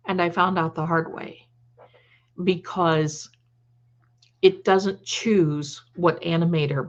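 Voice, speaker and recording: A woman with a lowish voice hosts a casual livestream chat, rambling, repeating phrases, and calling her viewers affectionate pet names. She's a streamer and content creator, and the audio sounds dull.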